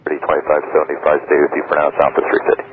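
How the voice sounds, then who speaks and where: A male airline pilot speaking calmly and matter-of-factly over a radio transmission with static bursts, with hesitant fillers. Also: a bass voice, very fast. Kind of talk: cockpit radio calls. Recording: tinny radio with faint static.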